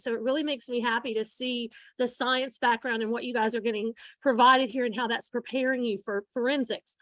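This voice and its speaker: A woman in her forties with a high-pitched, fairly bright voice gives an informal lecture as a guest forensic science instructor. Without a microphone, she projects her teacher voice to students in a room, and the recording is dry.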